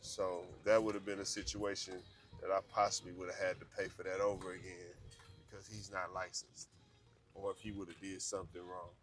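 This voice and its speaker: A man's voice: deep voice, little pitch movement, a little fast. A man in his fifties, a licensed electrical contractor, talking casually and earnestly to his viewers, repeating his points and calling them "man". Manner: earnest, repetitive, calls listeners "man". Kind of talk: casual vlog talk to camera.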